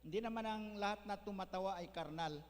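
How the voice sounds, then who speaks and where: A male pastor with a high voice and brisk delivery preaches a folksy sermon sprinkled with English words, tagging lines with "ano?". The recording comes from an echoey church hall with a faint hum.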